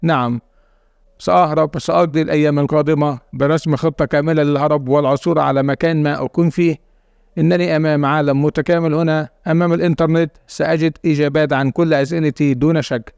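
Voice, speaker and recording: A man narrating a dramatic first-person story in a steady reading voice. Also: on the high side, fast, gravelly, clean tone, no room sound.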